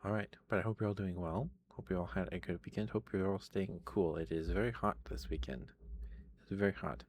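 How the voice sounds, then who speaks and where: A man speaking softly in a casual ASMR style, reading and chatting, with a tired, worn-out voice. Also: brisk, slight background noise. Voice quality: low, creaky voice. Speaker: ASMR host reading aloud. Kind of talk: soft-spoken ASMR reading and chat.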